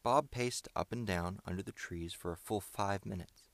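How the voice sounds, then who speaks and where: Low creaky guy reading an old adventure book, dry close mic. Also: normal speed, no room sound. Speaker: narrator. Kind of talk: audiobook narration.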